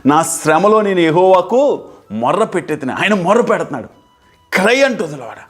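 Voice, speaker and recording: A man's voice: high-pitched, sing-song, normal speed. A man preaching a fervent sermon as pastor, building emphasis through repeated phrases. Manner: fervent, repetitive preaching, rising and falling emphasis.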